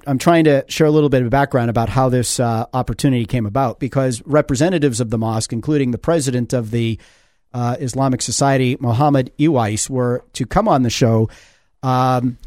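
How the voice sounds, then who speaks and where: A man hosting a radio talk show in a studio, speaking with frequent pauses and fillers. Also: medium pitch, a little mellow, no room sound. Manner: hesitant, with many fillers. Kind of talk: radio interview. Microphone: studio mic.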